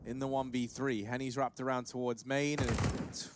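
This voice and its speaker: A man calling an esports match play by play in an excitable, joking way. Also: mid-range voice, moderate pace. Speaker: esports caster. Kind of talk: play-by-play commentary. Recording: clear background noise.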